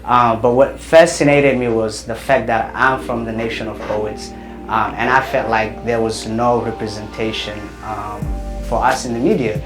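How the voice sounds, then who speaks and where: A young Somali writer and actor speaks hesitantly with many fillers as an interviewee in a casual interview. His medium-pitched voice is fairly even and normal in pace, and the roomy recording has loud music behind it.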